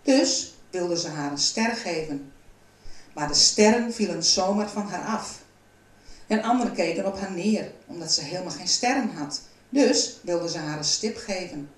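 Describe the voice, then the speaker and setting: A woman's voice: fairly low pitch, animated, normal speed. Woman reading a storybook aloud. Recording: roomy, from a distance.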